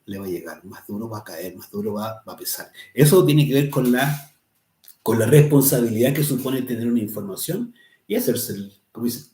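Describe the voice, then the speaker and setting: A man's voice: on the low side, warm tone. Guy giving a spiritual class, chatty, keeps asking "¿cierto?", kinda echoey room. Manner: conversational, tags "¿cierto?" often, quotes people in little voices. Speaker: course teacher. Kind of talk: spiritual lesson answering a student.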